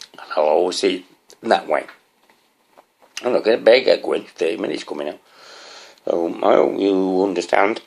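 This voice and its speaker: A man's voice: deep voice, vocal fry, slightly rough. A man rambling to his viewers in a swearing, ranting monologue, often asking them questions. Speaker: vlogger.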